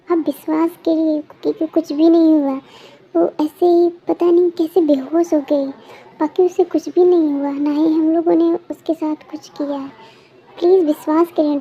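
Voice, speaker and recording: A young woman voicing a calm young man who keeps insisting nothing is wrong, in a fan-made story. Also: high voice, highs cut off. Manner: soothing, reassuring, insistent.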